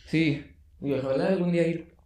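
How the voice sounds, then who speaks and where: A man's voice: fairly high pitch, steady tone, moderate pace, dark tone, roomy sound. A young Mexican man co-hosting a casual chat, bantering with sarcastic jokes. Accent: Mexican Spanish. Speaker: co-host.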